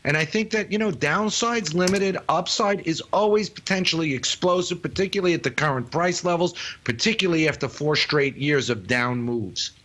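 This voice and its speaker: A man with a Brooklyn accent giving live market commentary as a guest analyst, in an emphatic, colloquial way with halting phrasing. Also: a little high, a bit bright, a little hiss or hum.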